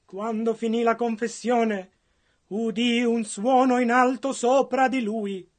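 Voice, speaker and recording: A man's voice: very high voice, steady tone, slow pace. A man interpreting a sermon line by line, earnest and matching the preacher's fervor.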